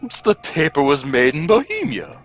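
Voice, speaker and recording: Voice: mid-range voice, huge pitch swings, moderate pace, slightly rough, soft background music, exaggerated voice. A performer playing Doctor Watson as an amiable, curious, easily astonished male companion in a theatrical radio play reading. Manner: theatrical, exclamatory, questioning. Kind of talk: live radio play reading, old-time radio acting.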